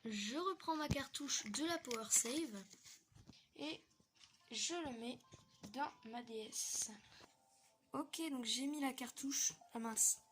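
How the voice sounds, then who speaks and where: A young woman from France walking viewers through a game hack in a casual, hesitant tutorial full of fillers. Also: high voice. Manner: chatty, hesitant with many fillers. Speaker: gaming tutorial youtuber. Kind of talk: casual screen-recorded tutorial.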